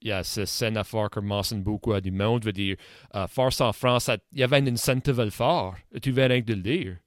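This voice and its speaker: A man hosting a podcast, speaking quietly and mixing English fillers into his French. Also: on the low side, a little fast, no room sound, studio quality. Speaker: podcast host. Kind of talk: casual interview chat.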